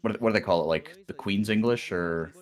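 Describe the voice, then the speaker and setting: A man with a very deep, low voice chats casually on a live esports cast. He rambles and restarts his sentences often. Portuguese was his first language. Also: a little fast. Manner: rambling, full of fillers and restarts. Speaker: esports caster. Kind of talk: casual live-stream commentary chat.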